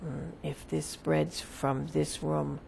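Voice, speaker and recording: This is a seance medium speaking as a channeled spirit. The voice crackles heavily with fry and moves very slowly, with little rise or fall. The phrasing is solemn, halting and formal, over faint background noise. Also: mid-range voice, little pitch movement, a little mellow. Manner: halting, deliberate, formal phrasing with long pauses.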